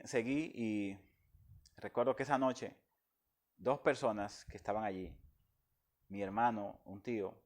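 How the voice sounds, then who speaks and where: A man's voice: low-pitched, darkish tone. A man from the Dominican Republic, speaking as a guest and giving an emotional personal testimony in an earnest, heartfelt way.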